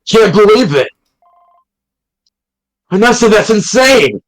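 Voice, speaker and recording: On stream, a man reads a fan visual novel aloud, voicing a loyal young male friend character with blunt, casual lines and some mild swearing. His voice sits high and is very animated, slow and exaggerated, and the audio quality is poor.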